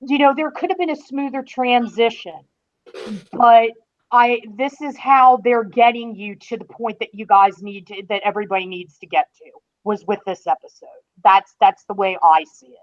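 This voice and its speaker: Her voice on the high side, a podcast guest shares her review during a casual discussion, choosing her words in a measured, emphatic way. The recording has its highs cut off.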